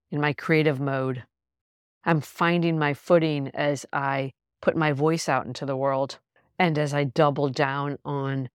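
Low-voiced woman musing in a podcast monologue. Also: clear, resonant tone, no room sound, clean studio sound. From lives in New York City. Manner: candid, conversational storytelling. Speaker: podcast host. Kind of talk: reflective personal monologue.

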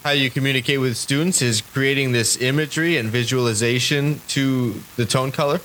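A man's voice: medium pitch, a little fast, a bit bright, slight background noise, low-quality recording. A man hosting a podcast, asking questions and chatting casually with a musician guest. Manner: brief affirmations, musician shop talk. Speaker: podcast host. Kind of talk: interviewing, casual chat.

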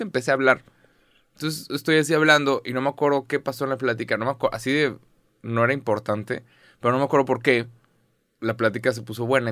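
A man's voice: medium pitch, a bit bright, no room sound, clean studio sound. A man with a Mexican accent, co-hosting a podcast in casual, slangy chat and telling a story with a lot of swearing. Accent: Mexican Spanish. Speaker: podcast co-host.

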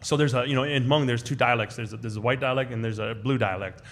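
A man guest, from the United States, telling animated stories at a live show, full of "like" and "you know". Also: medium pitch, fast, slight background noise. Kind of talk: animated storytelling.

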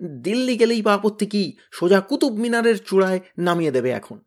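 A man's voice: high voice, animated, fairly quick, pitched above the performer's own voice. A man voicing a clever, mild teenage boy who answers with cheeky, teasing reasoning.

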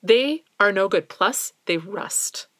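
A woman's voice: mid-range voice, expressive, takes it slowly, fairly bright tone, no echo. A young adult woman from Alaska hosting a casual solo podcast, chatty and self-deprecating, recording in a small closet at home. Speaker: podcast host.

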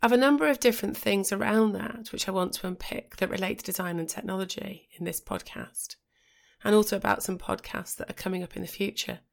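A middle-aged woman hosts a podcast, her voice croaky and gravelly with fry as she gets over a cold. She talks in a measured, reflective way at a middle pitch, now and then restarting a phrase. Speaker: podcast host. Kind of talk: scripted podcast monologue.

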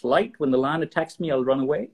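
A man being interviewed as an expert, explaining ideas with lively stories and acted-out examples. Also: fairly high pitch, rapid-fire. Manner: animated storyteller, acts out examples in voices. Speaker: guest expert. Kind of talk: conversational interview.

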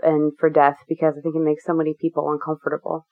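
A woman's voice: low voice, monotone, fast talker. A woman being interviewed as a guest, talking candidly and at length, with many fillers and restarts. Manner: earnest, rambling with many fillers. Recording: tinny phone-like line.

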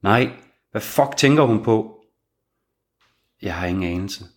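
A man's voice: lowish voice, lively intonation, lightly acted. A man voicing a loyal, protective male workshop boss who speaks bluntly and firmly. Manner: blunt, firm.

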